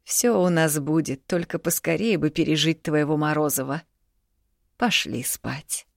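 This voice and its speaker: A woman voicing a soft-spoken, patient mother in an audiobook. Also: low voice, unhurried, gravelly, no room sound, clean studio sound. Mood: gentle. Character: mother, gentle and weary.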